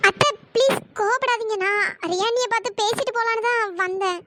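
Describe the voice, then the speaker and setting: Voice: extremely high pitch, a little fast, bright, forceful tone. A performer voicing a polite, apologetic young woman in a cartoon, pleading to be heard. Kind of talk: pitched-up cartoon voice acting.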